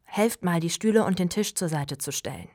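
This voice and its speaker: A woman's voice: lowish voice, animated, moderate pace, darkish tone, no echo, studio quality. A woman reading aloud, voicing a sensible young girl who organizes the others. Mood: practical.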